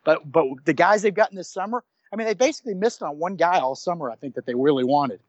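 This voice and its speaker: A man's voice: fairly high pitch, fast, dry recording, highs cut off. A man reporting on college football recruiting in casual podcast chat, rambling and correcting himself as he goes. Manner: rambling, self-correcting, many restarts. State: hiccups.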